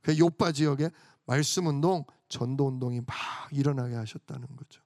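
A man's voice: medium pitch, brisk, darkish tone, no echo, clean studio sound. A male pastor preaching a storytelling sermon who keeps asking his congregation questions and answering them himself. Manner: storytelling, emphatic.

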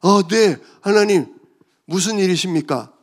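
A man's voice: sits high, unhurried. A man in a sermon voicing an old patriarch who brushes off a promise with joking back-talk. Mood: deferential. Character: doubting old patriarch, cheeky and dismissive.

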